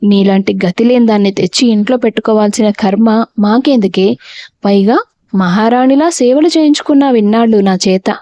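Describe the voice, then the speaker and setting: Give me a woman playing a greedy mother-in-law, harsh and scolding, in an audio story with a warm, dull sound. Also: on the high side, brisk, dry recording, close to an everyday voice. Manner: scolding, shouting insults. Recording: dull, dry lo-fi recording.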